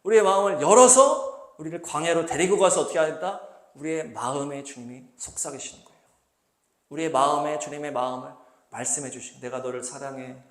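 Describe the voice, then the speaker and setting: A male pastor preaching a sermon, posing rhetorical questions to the congregation and slowly reading scripture aloud. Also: a little high, fairly bright tone, roomy sound. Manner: asks the congregation rhetorical questions and answers them; reads scripture slowly and deliberately. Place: church hall.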